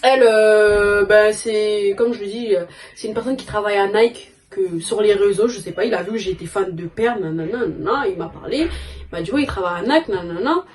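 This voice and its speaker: A woman's voice: medium pitch, brisk. A young woman chatting casually in a vlog, rambling and slangy with lots of fillers. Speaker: vlogger. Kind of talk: casual chat.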